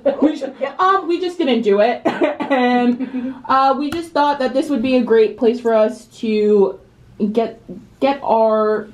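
A young woman co-hosts a podcast, rambling through casual chat, laughing and restarting her sentences. Her voice sits a little high. The recording carries a roomy echo. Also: slow. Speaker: podcast co-host.

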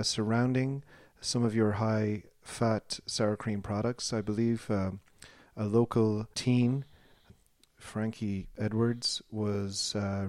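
A man's voice: medium pitch, darkish tone, dry recording, clean studio sound, close to an everyday voice. A man playing a polite, earnest local interview show host, speaking a little hesitantly in a mock radio interview.

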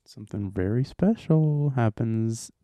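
Lively young man teasing his co-host. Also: mid-range voice, unhurried, no room sound. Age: 20s. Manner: joking, teasing. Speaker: podcast co-host. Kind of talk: casual chat.

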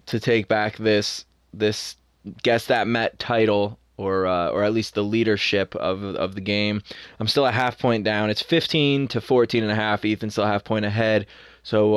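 A young man co-hosting a podcast in a casual sports chat, opinionated and animated. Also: on the low side, clean tone, dry recording, studio quality. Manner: opinionated, animated, quick asides. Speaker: podcast co-host.

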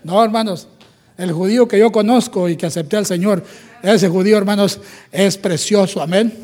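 High-voiced Mexican Spanish preacher. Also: male voice, normal speed, darkish tone. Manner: repetitive, calls "hermanos" and "amén" often. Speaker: pastor. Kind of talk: sermon.

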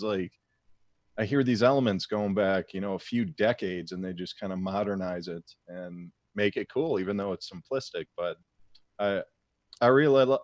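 Fumbling co-host reviewer, lowish voice, dry muffled remote sound. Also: male voice, no room sound. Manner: halting, repeats words, relaxed. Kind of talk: casual review chat. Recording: dry, slightly dull remote audio.

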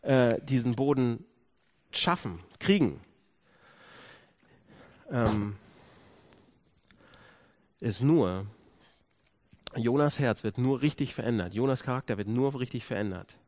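A male pastor preaching a sermon, dropping to hushed low stretches, then rising into emphatic repeated questions. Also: animated, slow, long pauses, no room sound.

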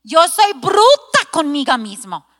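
A woman's voice: very high voice, sing-song, slow pace, a bit bright, big-room sound. A middle-aged woman preaching a sermon to a women's gathering, earnest, emphatic and self-deprecating. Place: church hall.

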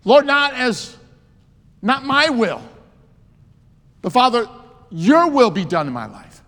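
A man's voice: very high voice, big pitch swings, slow, sharp tone. A man in his sixties preaching a sermon with emphasis and joking asides. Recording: long hall reverb.

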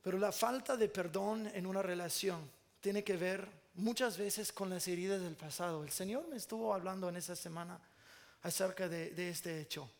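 A man's voice: high-pitched, moderate pace, creaky. A man preaching a sermon as pastor, earnest with playful asides, speaking Spanish with an American English accent.

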